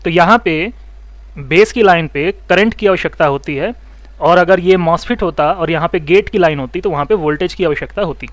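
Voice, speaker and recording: A man teaching mobile phone repair, explaining circuits step by step, asking students questions and telling them to take notes, and talking fast. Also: a little high, no echo. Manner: talks fast, says so himself. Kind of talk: online electronics lesson.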